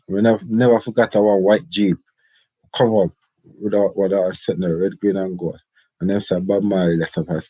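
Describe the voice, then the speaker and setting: A man's voice: fairly low pitch, dark tone, slightly rough, no room sound, poor audio. A middle-aged Jamaican man telling his life story in casual, rambling patois. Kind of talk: casual autobiographical chat.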